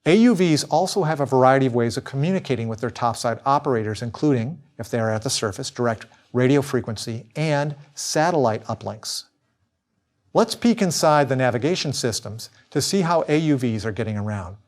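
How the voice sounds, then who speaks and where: A man lecturing in a recorded course, explaining clearly and now and then correcting himself mid-word. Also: medium pitch, expressive, a little fast. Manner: clear explanatory delivery with small self-corrections.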